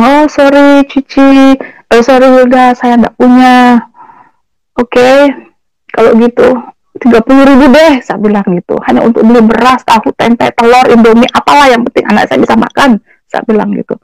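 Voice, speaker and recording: A woman's voice: on the high side, vocal fry, a little mellow, dry recording, poor audio. A woman giving a tearful personal testimony to an audience, her voice breaking and rising to anguished cries, with English phrases mixed into her speech. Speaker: testimony speaker.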